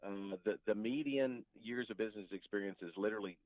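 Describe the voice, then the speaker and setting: Male radio caller, lowish voice, clipped phone line, halting then steady. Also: no echo. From North Alabama. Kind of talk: call-in radio talk. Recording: tinny, dry phone line.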